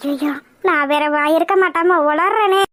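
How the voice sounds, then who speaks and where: Nervous cartoon nanny: a woman does a young servant girl, anxious and pleading, pitched very high. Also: moderate pace, fairly bright tone. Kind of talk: village cartoon voice acting.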